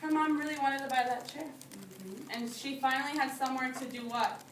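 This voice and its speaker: A high-pitched, slightly fast female voice belongs to a preschool or early grade teacher reading a storybook aloud to young children in an indoor room. She talks it over patiently and simply, echoing their answers. A distant phone or camera captured it, so the audio is roomy and noisy.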